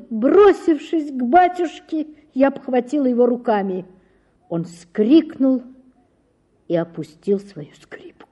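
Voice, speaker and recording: A woman's voice: fairly high pitch, mellow, muffled recording. A woman reading a classic novel aloud as an audiobook, with dramatic, emotional storytelling. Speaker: audiobook narrator.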